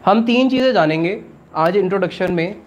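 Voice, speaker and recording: A man's voice: high-pitched, animated, fairly quick, highs cut off, a little hiss or hum. A man teaching a religious class, explaining step by step, asking questions and then answering them himself, with English words mixed into his casual Hindi.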